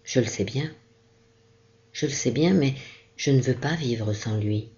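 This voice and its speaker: A small crippled girl, lonely and despairing, as a woman reads her part aloud. The voice is mellow and soft, pleading through a storybook reading. The recording sounds dull and lo-fi. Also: extremely low pitch, unhurried.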